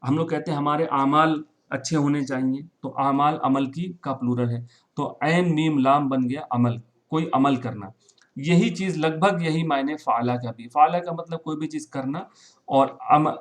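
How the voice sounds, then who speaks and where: A man teaching Arabic verbs in Urdu, mixing in English words, repeating forms and often checking with "right?". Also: fairly high pitch. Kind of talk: classroom-style recorded lesson.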